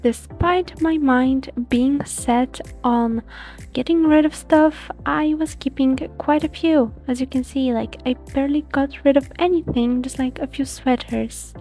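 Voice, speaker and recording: A woman's voice: high voice, a little slow, dark tone, faint music behind. A woman in her twenties chatting casually as a vlogger, rambling and poking fun at herself. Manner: chatty, rambling, self-deprecating. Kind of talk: casual vlog chat.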